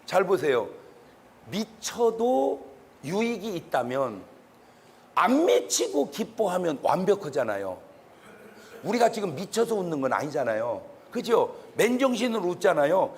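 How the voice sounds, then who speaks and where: Man, pastor, humorous lecture, slightly high voice, very lively intonation, jokey, sudden shouts. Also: measured pace. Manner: animated, joking, bursts into shouts. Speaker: pastor giving a public lecture.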